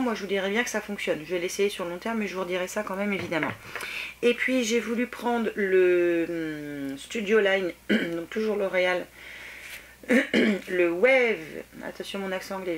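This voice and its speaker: Speaking in a lowish voice over a faint hiss or hum, a French woman vlogs a relaxed makeup review. She chats hesitantly, full of fillers, with clear enthusiasm for what she's trying.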